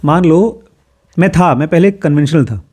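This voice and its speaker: A man's voice: a little high, normal speed, warm tone, slightly rough. A man from Uttar Pradesh explains a self-help book in a casual way. He reads English passages aloud, then talks them through with everyday personal examples. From Uttar Pradesh, India. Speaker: course teacher.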